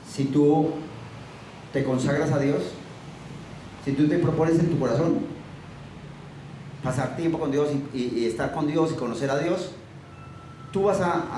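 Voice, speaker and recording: A man's voice: a little high, background noise. A man preaching a sermon, reading scripture aloud and hammering his points home with earnest repetition. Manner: earnest, repeats phrases for emphasis. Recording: very echoey room from a distance.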